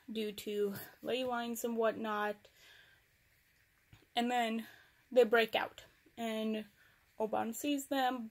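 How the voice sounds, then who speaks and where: Young woman talking through a book recap, kinda high voice, rambly and sarcastic. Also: gravelly. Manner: chatty, rambling, with sarcastic asides. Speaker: book reviewer. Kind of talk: casual book recap vlog.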